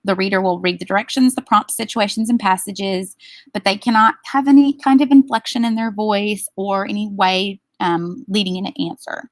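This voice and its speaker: Woman presenter for a staff training, mid pitch, slightly gravelly, steady and explanatory, dry sound. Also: no room sound. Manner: explanatory, steady, with frequent ums.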